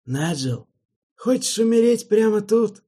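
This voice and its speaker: A man reading an audiobook, voicing a blunt, mocking soldier who speaks with rough tenderness. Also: high voice, expressive, unhurried, mellow, pitched above the performer's own voice, full character voice. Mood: menacing. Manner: smirking and blunt. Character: gruff, mocking soldier friend, tough and blunt.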